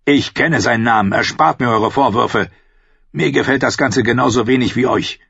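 A man's voice: mid-range voice, normal speed, vocal fry, a bit bright, breathy edge, no room sound, muffled recording, pitched above the performer's own voice. A man playing a stern grim king. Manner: clipped, severe, harsh. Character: stern, grim, rigid middle-aged male king.

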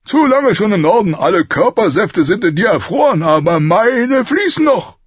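A male audiobook narrator voicing a loud, quick-tempered, boisterous king who curses and blusters. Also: very animated, husky, dry recording, muffled recording, full character voice. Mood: indignant. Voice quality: loud and booming. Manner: blustering, cursing, swings between roaring laughter and rage. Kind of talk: audiobook reading.

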